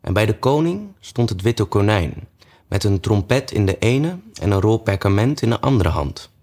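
Low-voiced man reading a storybook. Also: moderate pace. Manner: relaxed reading with frequent "eh" fillers. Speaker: narrator.

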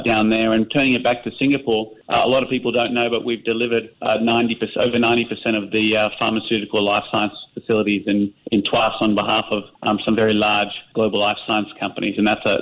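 A middle-aged Australian man answering interview questions as a chief executive, often repeating words as he restarts his sentences. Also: fairly low pitch. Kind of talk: business interview. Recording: slightly muffled, narrow phone-like line.

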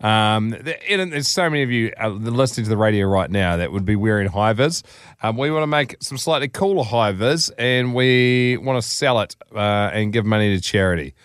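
A man's voice: fairly low pitch, animated, normal speed, clear, resonant tone, no echo. A man hosting a radio show with casual, blokey banter and colloquial, laid-back phrasing in a studio. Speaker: radio host.

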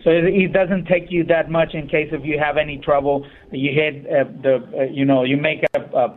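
Tinny AM-radio phone-line man, fairly high voice. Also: little pitch movement. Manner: halting, many fillers and restarts. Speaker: dealership sales manager, radio guest. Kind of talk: casual radio talk-show chat.

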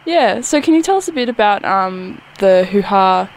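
A woman's voice: medium pitch, moderate pace, slight background noise, poor audio. Giggly woman radio host. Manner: relaxed, giggly, many fillers. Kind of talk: casual interview chat.

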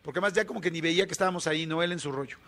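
A man's voice: fairly high pitch, racing, a bit bright. Chatty Mexican radio host man. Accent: Mexican Spanish. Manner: chatty, vivid anecdote-telling with many fillers. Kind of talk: casual on-air storytelling.

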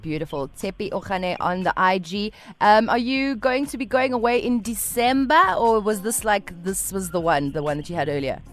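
A woman's voice: medium pitch, animated, moderate pace, few pauses, faint music behind. South African woman hosting casual radio chat. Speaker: radio show host.

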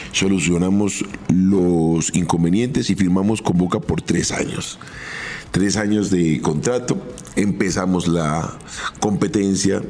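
A middle-aged man with a Colombian accent, a former footballer telling his own career story in a measured, step-by-step podcast monologue. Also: sits low, a little mellow, a little hiss or hum. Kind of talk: first-person podcast storytelling.

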